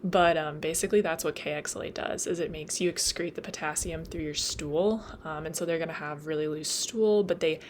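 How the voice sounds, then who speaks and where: A young woman tutoring nursing students talks through material in a chatty, casual lecture, heavy on "like" and "um," and laughs at her own slips while losing her voice. She's a young adult with a low-pitched, steady tone, speaking at a moderate pace with few pauses. There's a little hiss or hum.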